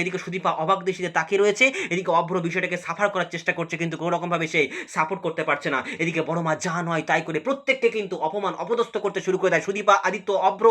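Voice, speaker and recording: A man recapping a TV serial episode in a hurried, repetitive style with frequent fillers. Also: high voice, pushed and bright. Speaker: TV serial review host. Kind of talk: rapid episode recap narration.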